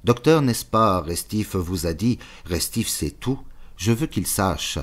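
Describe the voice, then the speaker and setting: A man's voice: on the low side, animated, slow pace. A man voicing a cordial, self-important general who speaks with a rolling, sing-song foreign lilt and stiff formal courtesy. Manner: formal, ceremonious.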